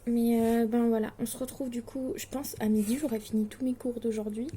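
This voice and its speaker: A woman's voice: on the high side, level tone, brisk, noisy background. A young woman in her late teens, from Switzerland, chatting casually to the camera about her studies, hesitant and full of fillers, anxious and self-deprecating. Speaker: distance-learning student vlogger.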